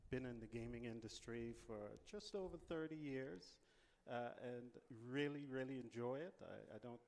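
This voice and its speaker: A man from the Bahamas talks through interview questions at an unhurried pace, filling gaps with frequent pauses. His voice sits in a middle range and carries a long, hall-like reverb. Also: mid-range voice. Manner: relaxed, many "uh" pauses. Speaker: casino executive guest. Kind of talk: interview answers.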